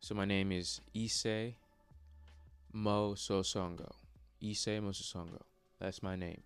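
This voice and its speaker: A young man from the Democratic Republic of the Congo, not a native English speaker, records a motivational personal vlog, earnest and hesitant with many fillers and restarts. He speaks a little slowly in a fairly low voice with fairly even intonation, clear and resonant. Soft background music plays.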